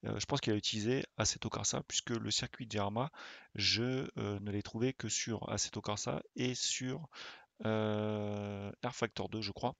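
A man's voice: fairly low pitch, fairly even intonation, moderate pace, creaky, fairly bright tone, dry recording. A man chatting casually to his viewers about sim racing, rambling with many fillers and restarts. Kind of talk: casual hesitant chat to viewers.

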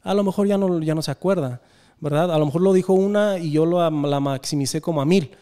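A man's voice: a little high, fast, dark tone, clean tone. A Mexican man in his thirties, talking earnestly and reflectively in a casual podcast conversation. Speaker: podcast guest.

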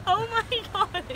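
A woman's voice: very high voice, vocal fry, heavy background noise. A young woman giving amazed, spontaneous reactions, caught at a distance on a phone video.

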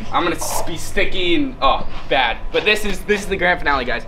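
A man in his twenties vlogging outdoors on a rooftop, talking in an excited, hyped way with casual swearing. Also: on the high side, a little fast, background noise. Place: outdoors on a house roof and driveway.

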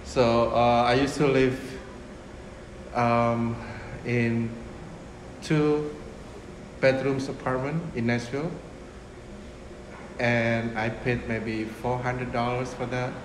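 A man in his fifties, originally from Indonesia, a restaurant owner speaking in a casual interview, unhurried and full of fillers and restarts. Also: mid-range voice, flat delivery. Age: 50s. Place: restaurant dining room, indoors. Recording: roomy echo with room noise.

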